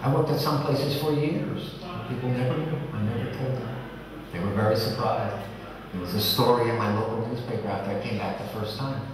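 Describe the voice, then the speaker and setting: A man's voice: mid-range voice, brisk. A man in his sixties, a Vietnam veteran, recalling his past in a reflective, plainspoken documentary interview. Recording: very echoey hall, distant mic, crowd noise.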